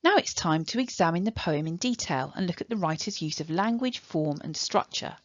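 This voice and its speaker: A woman with an English accent teaching a recorded online lesson, giving clear step-by-step instructions. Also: fairly low pitch, animated, brisk, no echo, dull audio.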